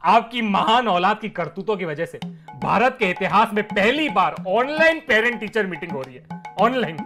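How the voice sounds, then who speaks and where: A man's voice: sits high, lively intonation, normal speed, soft background music, full character voice. A man playing an exasperated male teacher who scolds his students in an online meeting, in a comedy sketch. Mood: sarcastic. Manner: exasperated, scolding, loud outbursts.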